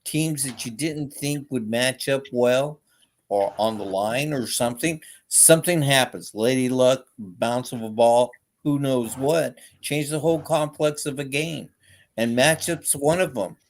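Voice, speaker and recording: A man in his seventies in a casual sports talk show, telling long reminiscing stories as a co-host. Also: mid-range voice. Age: 70s. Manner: reminiscing, drawn-out storytelling.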